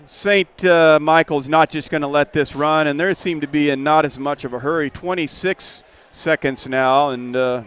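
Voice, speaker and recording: A man doing play-by-play of a high school football game from a stadium press box, folksy and relaxed. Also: normal speed, hardly any pauses, clean tone. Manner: folksy, relaxed, rises when a play starts. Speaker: play-by-play announcer.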